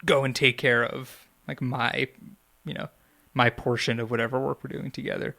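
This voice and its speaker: A man's voice: medium pitch, little pitch movement, moderate pace, gravelly, pushed and bright. A man co-hosting a podcast, telling stories in a rambling, casual way with lots of fillers. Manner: rambling, filler-heavy storytelling. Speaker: podcast co-host. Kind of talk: casual chat.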